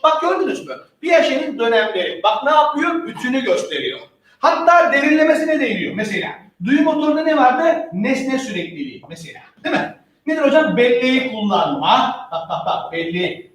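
A man teaching an exam-prep lecture in a lively, playful, slangy manner, asking questions and answering them himself. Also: very high-pitched. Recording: echoey room.

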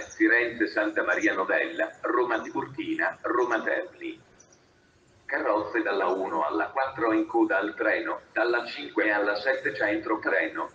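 A man making a flat, formal station announcement in a scripted, segmented delivery. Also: fairly low pitch. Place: over a railway station PA. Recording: echoey, dull, noisy station loudspeaker.

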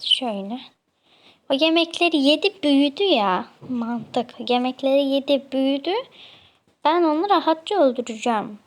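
A young Turkish woman talks through her gameplay in a casual, chatty way. She keeps nagging the other players with playful mock annoyance. Her voice sits high and has a gravelly edge. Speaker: gamer.

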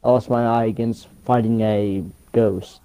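A man playing a hesitant seventy-year-old retired explorer in an improvised game role-play, talking haltingly as an old man. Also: on the low side, fairly even intonation, dark tone, lightly acted. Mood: hesitant, matter-of-fact.

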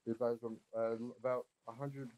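A man's voice: mid-range voice, level tone, fairly quick, a little mellow, poor audio. A man on a headset leading a squad in a military game, making clipped, procedural radio calls.

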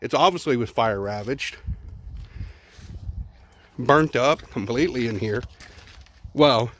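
Speaking slowly at medium pitch with a fairly bright tone, a middle-aged man with a Texan accent walks through a ruined zoo outdoors. He films himself on a handheld phone, casually narrating his exploration, thinking aloud and repeating words.

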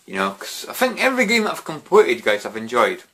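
A man's voice: fairly high pitch, wildly swooping pitch, brisk, sharp tone. A young British man, drunk, chatting casually in a rambling, repetitive way to camera, often saying "you know". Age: young adult. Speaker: vlogger. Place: small bedroom at home.

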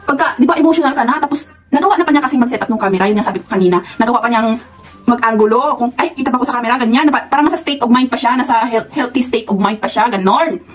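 A woman's voice: a little high, fast talker, breathy edge, faint music behind. A woman with a Filipino accent, a worker abroad who chats casually to her viewers, laughing often and giving encouraging advice. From Philippines. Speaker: vlogger. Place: employer's home abroad.

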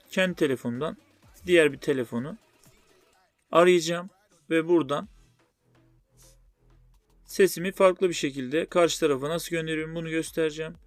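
Higher-pitched man giving a tutorial over music. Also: dry recording. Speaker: tutorial host. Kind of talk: spoken phone tutorial, step by step.

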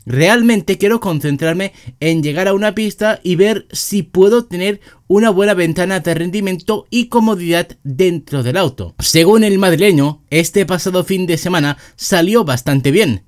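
A man narrating a scripted sports news roundup, reading quotes in an even tone. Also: high-pitched, normal speed, few pauses.

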